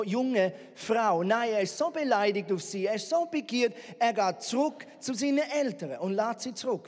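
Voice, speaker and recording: A man, preaching a sermon as a lively, sarcastic Bible retelling full of rhetorical questions. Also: high-pitched. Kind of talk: sermon storytelling. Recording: reverberant hall.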